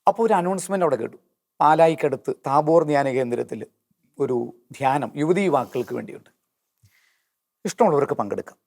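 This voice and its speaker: A man giving an earnest personal testimony in an interview, slowing down when he quotes hymn lines. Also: a little high, darkish tone.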